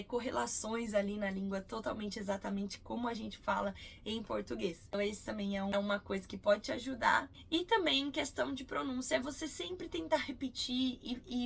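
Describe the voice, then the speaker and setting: A Brazilian woman in her thirties teaching English in a casual video, patiently repeating example words slowly. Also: a little high, vocal fry, fairly bright tone. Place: cruise ship.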